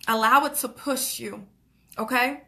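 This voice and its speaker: A young woman with a slightly high voice delivers a fired-up motivational talk, preaching about goals and action. She repeats calls to act, slips in short laughs and keeps asking "okay?" to check her listeners are with her. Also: measured pace, vocal fry, bright, forceful tone. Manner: laughs between phrases, says "okay?" and "like" often. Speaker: motivational vlogger.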